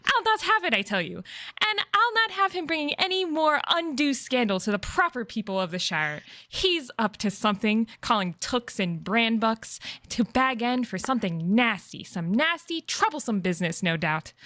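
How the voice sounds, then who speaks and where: A woman's voice: a little high, big pitch swings, normal speed, pushed and bright, no echo, clean studio sound. A woman putting on a huffy, scornful hobbit busybody. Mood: indignant. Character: indignant snobbish middle-aged female hobbit gossip.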